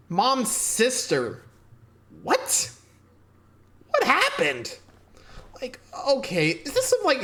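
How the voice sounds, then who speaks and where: A woman's voice: a little high, a bit bright. A woman hosting a reaction video, rambling casually between laughs.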